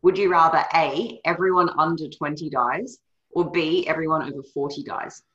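A woman co-hosting a podcast, easygoing and quick to laugh along. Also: sits low, fairly even intonation, a bit bright, highs cut off. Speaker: podcast co-host. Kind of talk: casual podcast chat. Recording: echoey room.

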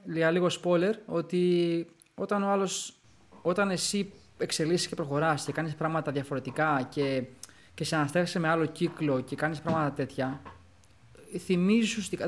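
A young man co-hosting a podcast in casual conversation, talking in animated quick bursts. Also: fairly high pitch. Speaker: podcast co-host.

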